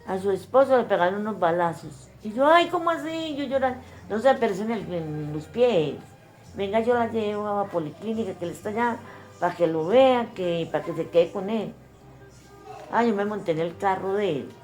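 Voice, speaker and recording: A woman's voice: medium pitch, normal speed, dark tone, faint music behind. Older woman with a Paisa accent. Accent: Colombian Paisa Spanish. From Colombia. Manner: emotional storytelling, acting out quoted voices. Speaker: interviewee. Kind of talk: oral history testimony.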